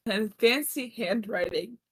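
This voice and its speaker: A woman's voice: fairly high pitch, measured pace, breathy edge, poor audio. A woman narrating a tabletop game as game master, casual with frequent filler uhs.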